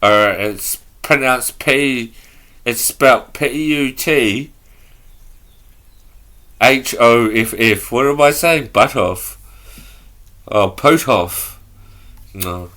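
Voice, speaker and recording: A man's voice: mid-range voice, takes it slowly, pauses often, pushed and bright. A man hosting a podcast in a casual, offhand way, reading aloud from notes and stumbling over words as he goes. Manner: offhand and loose. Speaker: podcast host.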